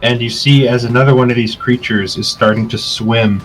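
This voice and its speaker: A man narrating a tabletop game as game master, describing scenes in a relaxed way with filler ums. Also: mid-range voice, moderate pace, soft background music, poor audio.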